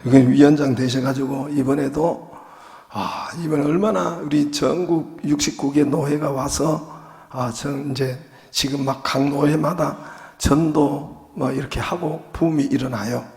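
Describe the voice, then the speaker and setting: A man's voice: fairly high pitch, steady tone, a little slow, gravelly, darkish tone. A male pastor preaching a sermon in a chatty, joking way, full of small fillers. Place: church sanctuary. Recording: long reverb of a church hall.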